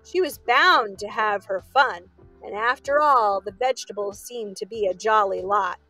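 A woman reading a children's story aloud in a gentle, expressive way. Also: medium pitch, normal speed, dry recording, faint music behind, rough recording.

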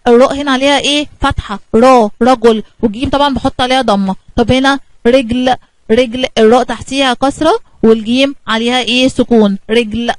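A woman with an Egyptian Arabic accent teaches small children, quick and bright, coaxing them with questions. Her voice sits a little high, and the close recording is dry with no room sound. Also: dry recording, poor audio. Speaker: kindergarten teacher. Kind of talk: children's lesson narration.

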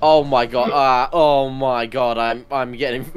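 A man's voice: mid-range voice, steady tone, slow pace. A man laughing and swearing while his troops lose in a strategy game, playing with friends over voice chat. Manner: laughing, crude, flustered. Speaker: gamer on voice chat. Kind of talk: casual gaming banter.

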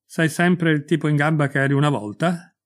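A man voicing a loud, boastful and crude middle-aged former schoolmate, talking in a hearty, pushy way. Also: on the high side, fairly even intonation, fairly quick, lightly acted. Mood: boisterous.

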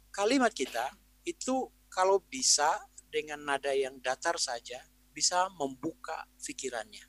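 A man's voice: fairly high pitch, a bit bright, no echo, poor audio. Man giving an explanatory parenting talk. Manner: conversational and explanatory, often acting out quoted parents and teachers. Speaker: Islamic parenting speaker. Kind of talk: webinar talk answering a question.

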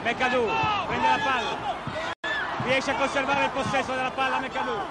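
A man's voice: very high-pitched, flat delivery, moderate pace. A man giving live television play-by-play commentary on a basketball game. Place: large indoor basketball arena. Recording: loud arena crowd, noisy old TV broadcast. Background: loud crowd and arena noise.

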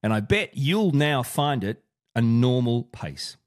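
Man talking in deliberate slow motion. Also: medium pitch. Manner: lively, self-correcting. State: deliberately slowed-down speech. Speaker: educational video host. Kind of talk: explaining to camera.

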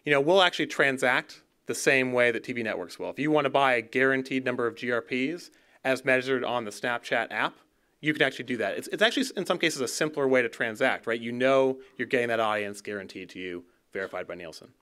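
A man's voice: medium pitch, fast, fairly bright tone. A man in his thirties giving a conversational conference keynote from a stage podium, sometimes repeating words as he restarts a phrase. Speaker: keynote speaker. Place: dark auditorium stage. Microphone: podium gooseneck mic.

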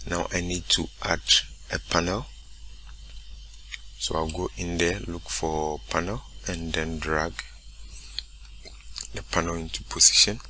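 Deep-voiced man teaching software. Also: unhurried, long pauses, noisy background. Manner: steady step-by-step explaining, repeats "okay, great". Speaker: instructor. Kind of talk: screen-recorded software tutorial.

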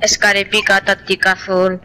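Excited Spanish woman calling out in-game. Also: medium pitch, normal speed, clean tone. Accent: Spain Spanish. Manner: excited bursts of callouts. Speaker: gamer. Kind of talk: casual gaming chat with teammates. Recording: game sounds and clicks behind the voice.

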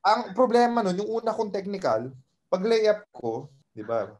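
A man's voice: sits high, unhurried. Man animatedly retelling a story. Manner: animated, acts out quoted exchanges. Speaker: podcast guest, former college basketball player. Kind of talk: casual storytelling chat.

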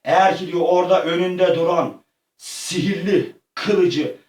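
A man acting out a comic make-believe adventure, excitable and slangy, often yelping and crying out. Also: sits high, measured pace. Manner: excitable, yelps and cries out often; slangy, rough-edged street talk. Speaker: vlogger. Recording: echoey room, far from the mic.

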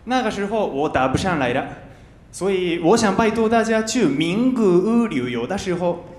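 A young man performs stand-up in a Japanese accent, his voice high and very animated. He phrases things carefully as a second-language speaker, sometimes stumbling and repeating himself. The sound is roomy, from a big stage. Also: moderate pace. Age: 20s. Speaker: stand-up comedian. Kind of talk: stand-up comedy monologue. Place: large TV studio stage with live audience. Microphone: handheld microphone.

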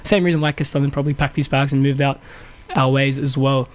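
A man's voice: medium pitch, little pitch movement, fast talker. A man co-hosting a casual football chat show, joking and laughing often. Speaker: co-host.

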